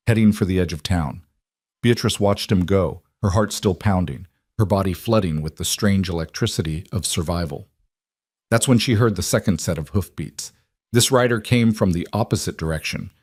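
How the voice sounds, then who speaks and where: A man reading a western story aloud as narrator, in a measured, even storytelling manner. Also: low voice, dry recording, clean studio sound. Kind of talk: scripted narration.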